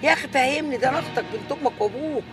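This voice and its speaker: An actress playing a nosy working-class sister with an Egyptian accent, wheedling and exclaiming. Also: female voice, sits high, rapid-fire, faint music behind, lightly acted. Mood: pleading.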